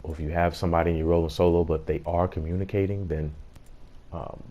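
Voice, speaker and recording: A man's voice: low voice, fairly even intonation, fast, highs cut off. A man giving a casual gameplay tutorial as host, explaining things in an informal way.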